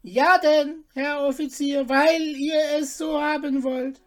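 A woman's voice: high voice, steady tone, slow pace, voice pushed up. A woman reading an audiobook and voicing a man, a meek and sly merchant who answers evasively.

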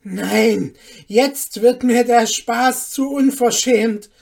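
A woman voicing an angry, frightened market mother who scolds and shouts in a read-aloud fairy tale. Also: a little high, very slow, creaky, pitched above the performer's own voice, heavily acted. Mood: angry scolding. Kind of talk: storybook reading.

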